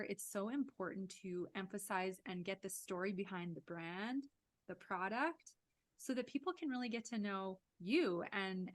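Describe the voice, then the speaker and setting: A woman's voice: medium pitch, a bit bright. A woman in her thirties hosting a casual interview over a video call, speaking in an enthusiastic, upbeat way. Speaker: host. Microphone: video call webcam.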